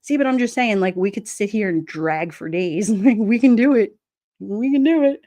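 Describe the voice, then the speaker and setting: A middle-aged woman with a New York accent, casually chatting on a livestream, sassy and quick to laugh. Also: medium pitch, expressive, mellow. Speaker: livestream host reading chat. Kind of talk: casual chat.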